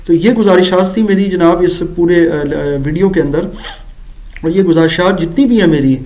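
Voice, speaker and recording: Sarcastic higher-voiced Pakistani man reviewing. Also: warm tone, poor audio. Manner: slow, deliberate English words and spelling out mistakes; sarcastic asides. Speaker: education channel host and teacher. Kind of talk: critical review vlog.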